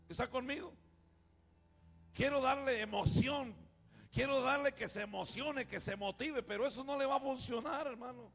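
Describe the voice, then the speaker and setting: A male pastor preaching a sermon, calling out to the congregation and swinging from quiet asides to shouting. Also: very high voice, normal speed, gravelly, breathy edge, soft background music. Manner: calls out to the congregation, often says "hermano".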